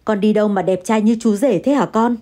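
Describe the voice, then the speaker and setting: A woman's voice: mid-range voice, brisk, warm tone, natural voice. A woman voicing a doting older mother who gushes over her son in an audio story. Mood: gushing. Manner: gushing, exclaiming.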